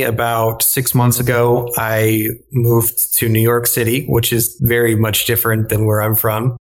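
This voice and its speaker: A man from Illinois, a finance professor, answering interview questions and explaining ideas with simple examples. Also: mid-range voice. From Illinois, United States.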